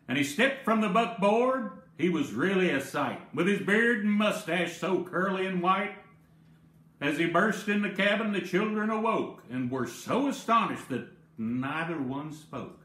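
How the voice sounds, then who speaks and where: Man reading a christmas rhyme, high bright voice, echoey church room. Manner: lively rhyming read-aloud with playful pacing. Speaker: church storyteller dressed as St. Nicholas. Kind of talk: storybook reading aloud.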